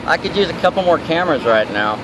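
A man's voice: a little high, animated, quick pace. A man giving sardonic, challenging running commentary as he films police outdoors on a handheld camera. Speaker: citizen filming police. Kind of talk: running commentary while filming. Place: outdoors at night on a city street. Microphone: handheld camera microphone. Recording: noisy outdoor street with traffic.

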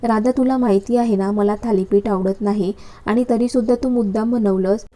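A woman's voice: mid-range voice, steady tone, moderate pace, warm tone, lightly acted. A woman reading as a spoiled bratty girl. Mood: petulant.

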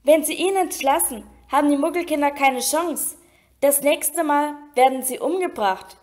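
A towering, gruff giant of a man, as a woman reads him in an audiobook. He blusters loudly in a raised, urgent voice. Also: high voice, a little fast, lightly acted. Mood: angry. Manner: blustering, shouting.

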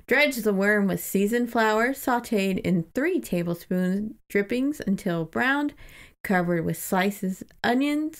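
Her voice is clean and mid-range. She's a podcast co-host casually recounting a book, giggling and cursing lightly, and reading out passages in an informal book chat.

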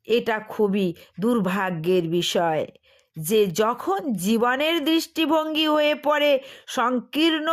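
Woman preacher, slightly high voice, very slow and measured sermon delivery. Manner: slow, deliberate delivery with drawn-out pauses.

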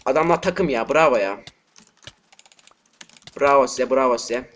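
A man's voice: medium pitch, unhurried. Cursing, frustrated young gamer man. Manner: frustrated, cursing, bursts of shouting. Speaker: gaming channel host. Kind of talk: live gameplay commentary. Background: keyboard typing and mouse clicks.

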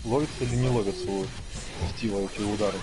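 A man's voice: fairly low pitch, fairly even intonation, quick pace, poor audio. A man grumbling and swearing casually while playing a fighting game. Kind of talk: casual gaming chat. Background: game music.

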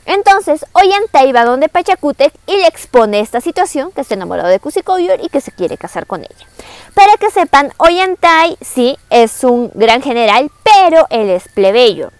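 A young woman from Cusco with a Peruvian Spanish accent, casually retelling a classic play in a chatty, animated way and speaking straight to her viewers. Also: high-pitched, moderate pace, no echo. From Cusco, Peru. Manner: chatty, animated, direct address. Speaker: book summary vlogger.

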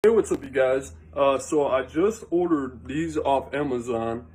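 A man's voice: medium pitch, measured pace, a little mellow, husky, soft background music, rough recording. A man chatting casually as he films pranks on his grandmother at home with a phone. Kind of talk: casual prank vlog chat. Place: indoors in a home. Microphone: phone he is holding while filming.

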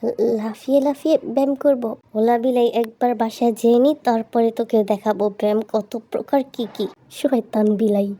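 A woman's voice: a little high, steady tone, normal speed, warm tone, natural voice. A woman voicing a nervous young bachelor man who stammers and stalls in a storybook dub.

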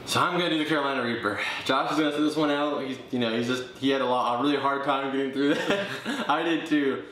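A man's voice: mid-range voice, fast talker, a bit bright. A man in his twenties chatting casually and nervously to a camera. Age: 20s. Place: indoor living room, on a couch. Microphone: camera a few feet away. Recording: very echoey living room, noisy background.

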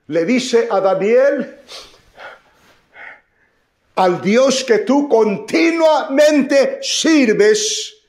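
A male pastor preaching a sermon, calling out "listen" and "beloved brethren", surging to loud peaks and sinking to near-whispers. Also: sits high. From United States. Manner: preaching with swells to loud emotional peaks and dropping to hushed; repeats "escuche" and "amados hermanos" to the congregation.

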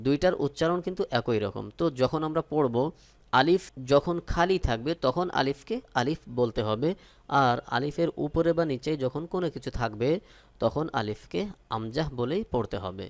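A man's voice: medium pitch, animated. Patient male recitation teacher. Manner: patient, drills each letter twice with pauses. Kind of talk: step-by-step recitation lesson.

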